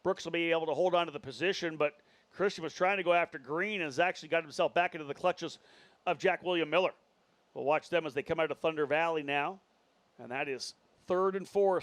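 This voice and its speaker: Higher-voiced male motorsport commentator calling a race. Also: no echo. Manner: running play-by-play, listing drivers and positions. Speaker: motorsport commentator, lead play-by-play.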